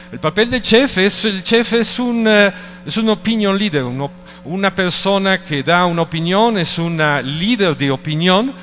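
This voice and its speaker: A middle-aged man with an Italian accent gives a conference presentation in a reverberant hall, a faint bed of music underneath. His voice sits slightly high, and he speaks haltingly, often breaking off to rephrase and search for the right word. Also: fairly bright tone. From Italy. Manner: hesitant, searching for words with many restarts. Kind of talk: presentation talk.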